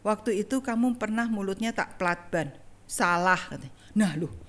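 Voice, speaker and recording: A woman's voice: medium pitch, lively intonation, normal speed, a bit bright. A middle-aged woman evangelist, telling a personal story in a sermon and talking straight to the congregation. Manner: conversational, addresses congregation directly. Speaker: evangelist preacher. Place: church online service.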